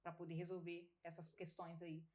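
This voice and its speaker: As a podcast guest, this Brazilian woman tells her personal testimony casually, her Brazilian Portuguese accent clear. Her voice runs on the low side at a moderate pace, and she's lively, often laughing while performing the dialogue.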